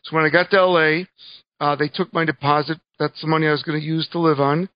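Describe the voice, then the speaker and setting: Middle-aged Cuban-born man, earnest guest storyteller, higher-pitched, dry muffled recording. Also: little pitch movement, quick pace, no echo. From Cuba. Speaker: guest speaker. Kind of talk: telling his life story.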